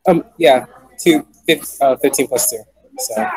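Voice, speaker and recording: A player speaks slowly and hesitantly during a tabletop game, recorded dry and close. Keyboard typing shows up now and then. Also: medium pitch, darkish tone, husky, no room sound, rough recording. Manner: hesitant, many fillers and restarts. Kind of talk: playing a character in a tabletop game.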